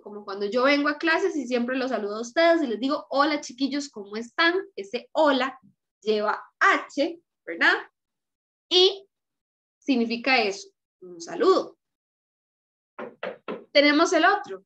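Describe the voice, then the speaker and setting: A woman's voice: sits high, lively intonation, unhurried, pauses often, fairly bright tone, dull audio. A woman teacher explaining a lesson patiently, often checking in with her students. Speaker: Spanish teacher. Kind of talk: recorded class lecture.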